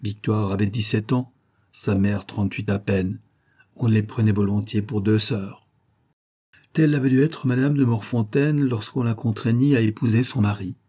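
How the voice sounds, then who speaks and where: A man narrating a classic novel as an audiobook in a measured, even delivery. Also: on the low side, husky.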